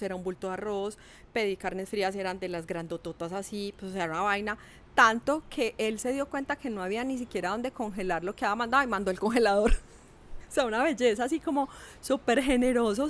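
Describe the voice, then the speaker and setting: A middle-aged woman, telling a personal story in a lively, animated way with acted quotes. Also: fairly high pitch. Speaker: podcast guest. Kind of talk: casual storytelling.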